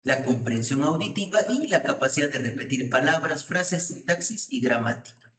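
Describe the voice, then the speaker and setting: A male lecturer teaching a class, pausing often to ask his students whether they follow. His voice sits at an ordinary pitch. It rings in an echoey room and is picked up from some distance away. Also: lively intonation, fairly bright tone. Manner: asks frequent checking questions to students. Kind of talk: university lecture on psychopathology.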